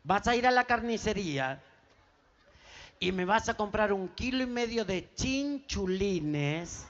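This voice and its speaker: A man with an Argentine accent voicing a doting, shrill mother who calls out to her young son. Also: animated, measured pace, fairly bright tone, dull audio. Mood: fussing. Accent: Argentine Spanish.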